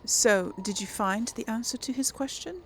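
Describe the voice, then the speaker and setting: A woman with a slightly high voice and lively intonation hosts a casual game playthrough at a normal speed, with a little hiss or hum in the audio. She chats and thinks aloud hesitantly while role-playing the dialogue.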